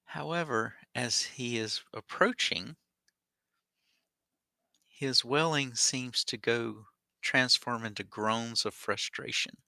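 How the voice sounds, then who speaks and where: A man's voice: mid-range voice, takes it slowly, creaky, pushed and bright, no echo. A man narrating a tabletop game as its game master.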